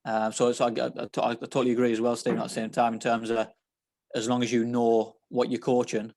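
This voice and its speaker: A man's voice: mid-range voice, completely flat delivery, quick pace, gravelly, a little mellow. A coach on a video call, speaking earnestly and repeating words while he gathers his thoughts. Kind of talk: casual video-call discussion.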